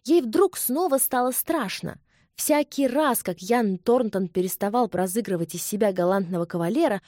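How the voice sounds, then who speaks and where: Warm-toned woman reading a romance novel. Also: mid-range voice, no echo, studio quality. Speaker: audiobook narrator. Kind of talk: scripted novel narration.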